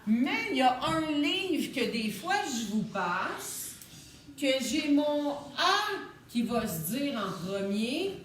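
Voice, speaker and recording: A woman teacher, slowly sounding out syllables in a phonics lesson for young children. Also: high voice, sing-song, fairly bright tone, slight background noise. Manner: slow, deliberate, sounds out syllables. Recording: echoey room, voice from a distance.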